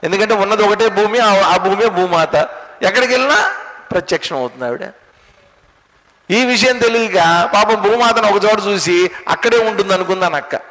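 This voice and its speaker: A spiritual teacher giving a religious discourse, telling stories and asking rhetorical questions. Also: male voice, high voice, fairly bright tone. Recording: long hall reverb.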